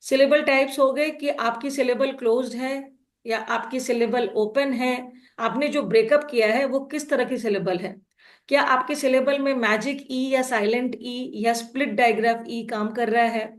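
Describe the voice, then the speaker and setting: A woman teacher with an Indian English accent, slowly explaining phonics to a class step by step and quizzing the students. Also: on the high side, fairly even intonation. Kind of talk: classroom lesson mixing Hindi and English.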